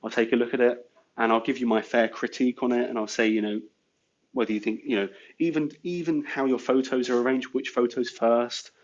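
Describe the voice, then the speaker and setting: A man's voice: mid-range voice, fairly even intonation, fairly quick, muffled recording. An English man telling business stories in a rambling casual chat, full of "you know" and "sort of". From England. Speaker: guest entrepreneur.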